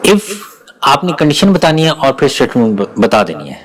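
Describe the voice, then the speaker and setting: A man giving a recorded programming lecture, explaining each operator slowly and deliberately. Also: medium pitch, huge pitch swings, a little hiss or hum, poor audio. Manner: slow, deliberate, often pauses to spell out each operator. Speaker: programming teacher.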